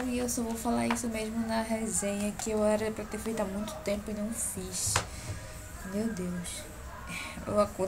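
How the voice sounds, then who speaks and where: There's background noise in this clip of a young Brazilian woman whose voice is on the high side. A book blogger with a nasal cold, she casually presents her books on a webcam up close in her small bedroom, often adding "tá?" to check on her viewers, while music from the neighbours can be heard.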